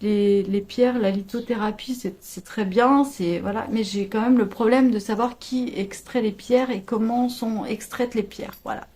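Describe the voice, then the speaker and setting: A woman's voice: on the high side, fairly even intonation, measured pace, few pauses, mellow. A woman vlogger telling a personal story to camera in a casual, chatty way, full of fillers, quoted dialogue and laughter. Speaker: knitting vlogger.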